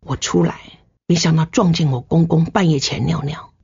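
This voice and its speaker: Brief: older Taiwanese nurse, husky and low, earnest emotional testimony, dull recording. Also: female voice, fairly even intonation, fairly quick, darkish tone. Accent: Taiwanese Mandarin. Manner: earnest, emotional storytelling with sentence-final particles. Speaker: nurse, guest. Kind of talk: personal testimony in an interview. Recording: slightly muffled recording.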